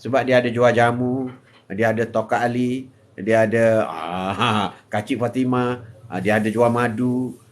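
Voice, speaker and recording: A man's voice: medium pitch, steady tone, measured pace. An older man with a Malaysian Malay accent, hosting a casual live-stream chat, joking, laughing often and reading out viewer comments. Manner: jokey, laughs often, mixes in English phrases.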